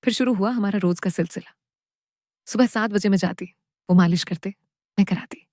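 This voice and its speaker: A woman's voice: mid-range voice, moderate pace, darkish tone, no room sound, studio quality. Woman narrating a story in short phrases. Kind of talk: first-person scripted story narration.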